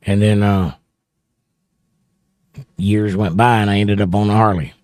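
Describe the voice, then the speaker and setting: Low-ish and darkish, this man's voice stays fairly even and a little slow as he reads viewer comments on a casual livestream and riffs on them. A close studio mic near his mouth leaves no room sound.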